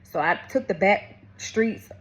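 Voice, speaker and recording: A woman's voice: medium pitch, takes it slowly. A woman, telling a faith testimony as a casual vlog. She keeps calling her viewers y'all and baby and often restarts her sentences as she tells the story. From Atlanta, USA. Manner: talks straight to viewers, calls them y'all and baby; animated storytelling with frequent restarts. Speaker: vlogger.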